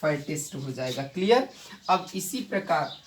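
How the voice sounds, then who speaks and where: A male English grammar teacher giving a classroom lesson, repeating key points and quizzing his students with quick rhetorical questions. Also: a little high, big pitch swings. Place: coaching institute classroom. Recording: echoey room, distant mic, faint noise.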